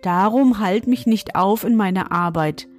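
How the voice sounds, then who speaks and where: A woman's voice: medium pitch, measured pace, a little mellow, faint music behind, close to an everyday voice. Storybook old woman, stern and commanding but kind underneath, voiced by a woman narrator. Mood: firm. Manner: firm, commanding. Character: mysterious old woman, stern yet kindly.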